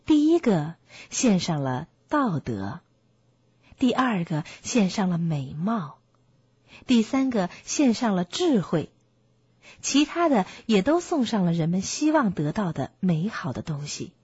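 Slow, breathy woman reading a fairy tale. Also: medium pitch, very animated, dry recording. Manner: gentle storybook reading. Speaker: storyteller. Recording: muffled, dry, soft music behind.

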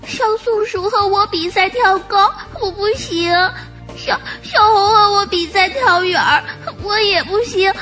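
A woman's voice: extremely high pitch, lively intonation, a little slow, faint music behind, voice pushed up. A woman voicing a timid young fawn that stammers and is close to tears. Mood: tearful, timid. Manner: hesitant, stammering, on the verge of tears.

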